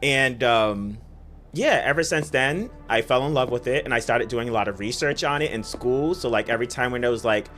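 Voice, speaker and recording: A gaming streamer chatting casually while playing, telling stories excitedly and talking to the chat. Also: mid-range voice, a little fast, soft background music. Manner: excitable, giggly storytelling, talks to chat.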